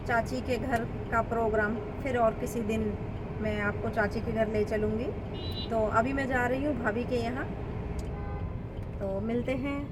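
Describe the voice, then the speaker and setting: A woman with a slightly higher voice chats her way through a casual travel vlog, sometimes coaxing a dog. She sounds a little distant from the mic. Heavy car and road noise fills the background. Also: steady tone, measured pace. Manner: chatty, talks to a dog in coaxing commands. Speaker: vlogger. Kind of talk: casual on-the-go vlogging.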